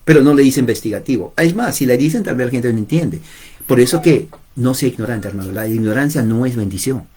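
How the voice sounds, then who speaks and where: Husky guy preaching straight at you, emphatic, keeps repeating himself. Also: mid-range voice, expressive, brisk, a little mellow. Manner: emphatic, repeats points, addresses listeners directly. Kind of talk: informal preaching to camera.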